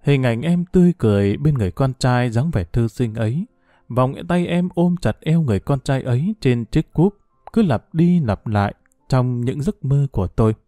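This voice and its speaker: A man narrating a first-person story in a measured, reflective, melancholy reading. His voice is mellow and mid-pitched, and the recording is dry and close. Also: expressive, dry recording, soft background music.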